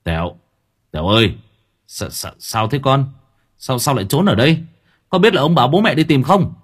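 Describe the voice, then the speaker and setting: A man's voice: medium pitch, expressive, normal speed, husky, voice pushed up. A man playing a stammering worried father. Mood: alarmed. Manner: stammering, urgent.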